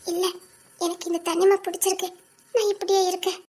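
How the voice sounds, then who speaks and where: A woman's voice: very high voice, flat delivery, brisk, darkish tone. A woman playing a heartbroken, withdrawn young woman in an audio drama. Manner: sad, withdrawn, wistful. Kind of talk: Tamil audio drama acting.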